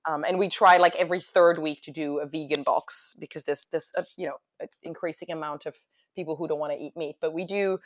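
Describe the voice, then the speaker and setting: A woman's voice: deep voice, fairly even intonation, a little fast, slight background noise. A young adult woman from France with an American accent, chatting casually as an interview guest, with lots of fillers and restarts. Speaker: guest, hospitality business owner.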